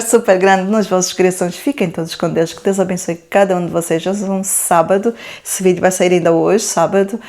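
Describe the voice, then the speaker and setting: A woman vlogging from home, chatting calmly and deliberately to her viewers in a relaxed Q&A. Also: on the low side. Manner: calm, soft-spoken and deliberate. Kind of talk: casual Q&A vlog chat. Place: home in England.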